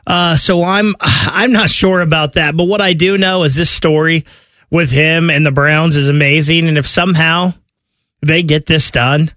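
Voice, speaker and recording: Sports radio sidekick guy, sharp bright voice, kinda high, chatting and arguing, dry room. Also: fairly even intonation, normal speed, no room sound. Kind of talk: conversational sports debate.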